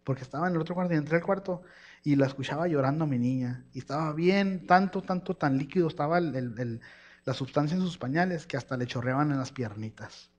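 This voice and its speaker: Animated pastor, lo-fi. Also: male voice, on the high side, fast talker. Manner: storytelling, animated, voices his baby's cries. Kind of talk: sermon.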